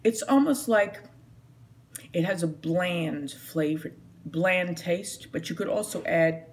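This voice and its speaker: A woman's voice: fairly low pitch, slow pace. A middle-aged woman talks casually to the camera while eating, chewing between phrases. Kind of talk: casual mukbang chat to camera. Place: small indoor room at home. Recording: noisy home phone recording.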